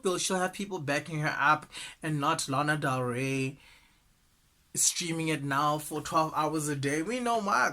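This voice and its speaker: South African male host, bright forceful voice, gossipy news chat. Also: on the high side. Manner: chatty, animated, gossipy asides. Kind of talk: casual celebrity news commentary.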